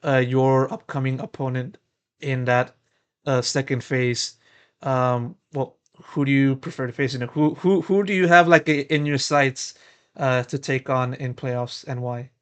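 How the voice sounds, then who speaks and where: Speaking unhurriedly in a smooth, medium-pitched voice with fairly even intonation, a young man puts questions to a player. He's an esports interviewer who drifts through long, rambling questions, repeating himself and leaning on "you know."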